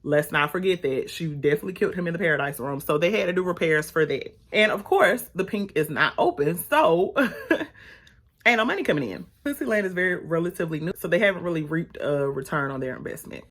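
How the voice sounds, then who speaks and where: A woman's voice: on the low side, animated, brisk, a bit bright. Sassy woman recapping a TV episode. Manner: sassy, chatty, slangy storyteller. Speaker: TV review YouTuber.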